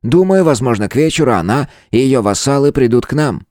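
A man's voice: medium pitch, lively intonation, a little fast, a little mellow, no echo, clean studio sound, pitched above the performer's own voice, lightly acted. A man doing an urgent mouse elder. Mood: earnest. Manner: urgent, insistent. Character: male mouse beastfolk elder, urgent, pleading.

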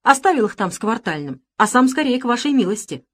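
A woman voicing an excited, breathless male servant who tells his news in a folksy gabble. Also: a little high, fast talker, voice pushed up.

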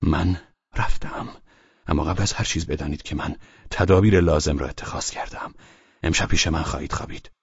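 A man's voice: very deep voice, fairly even intonation, gravelly, slightly rough, no room sound, dull audio, exaggerated voice. A man voicing a stern, commanding middle-aged man who gives curt orders. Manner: curt and bossy.

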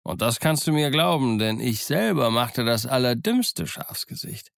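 A man voicing a cunning, genial yet menacing old male pirate in an audiobook, with a gruff, folksy, wheedling way of talking. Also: medium pitch, lively intonation, a little slow, a bit bright, dry recording. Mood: gruff, sly. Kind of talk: audiobook character voice. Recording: dry close studio sound.

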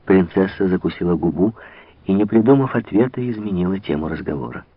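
A man narrating a classic novel on the radio in a steady, measured reading. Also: low-pitched, husky, no room sound. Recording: tinny old radio broadcast.

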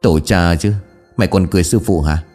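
A man voicing a gluttonous, foul-mouthed old male exorcist master who talks gruff and blunt. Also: low voice, a little fast, a little mellow, faint music behind. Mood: scolding.

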